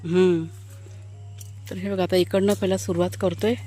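A woman's voice: lowish voice, level tone, normal speed, mellow, soft background music. A woman family vlogger chatting casually to her viewers while she works outdoors in a village garden, talking fondly to her dogs, recorded on a handheld phone.

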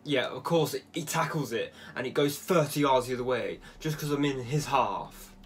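A man's voice: mid-range voice, normal speed. A young man commentating on his video game as a raging, exasperated, sweary gamer. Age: young adult. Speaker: gamer streaming video games. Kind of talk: frustrated gameplay commentary. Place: small bedroom, indoors.

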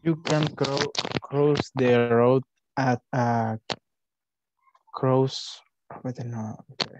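A teenage boy answers his teacher hesitantly, slow and unsure. His voice is mid-pitched and comes through a dry, slightly dull call line. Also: steady tone, darkish tone, dry recording. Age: teens. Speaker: student. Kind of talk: answering in class.

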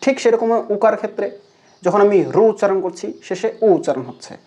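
Male teacher with a Bengali accent, measured and deliberate, recites rules slowly. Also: sits high, mellow. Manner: measured, chants sutras slowly. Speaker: Sanskrit pronunciation teacher. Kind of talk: explanatory lesson.

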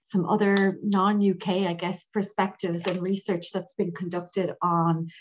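A woman from Ireland with a mid-range, darkish voice and an Irish accent gives an informal academic presentation over a video call. She hesitates often, and the call audio is dull and lo-fi.

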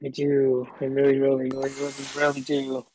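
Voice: mid-range voice, completely flat delivery, fairly quick, dark tone, a little hiss or hum, poor audio. Disguised voice through a voice changer. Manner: chatty, rambling, filler-heavy. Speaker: caller. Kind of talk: casual phone chat.

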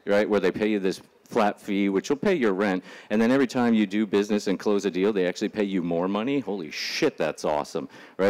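Brief: man in his forties, casual and profane stage speaker, very low voice. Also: a little mellow. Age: 40s. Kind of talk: casual motivational talk. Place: stage before a live audience.

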